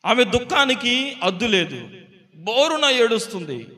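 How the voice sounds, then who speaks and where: A man preaching a sermon as pastor, slow and emphatic, repeating phrases for weight. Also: very high voice, big pitch swings, pushed and bright, big-room sound.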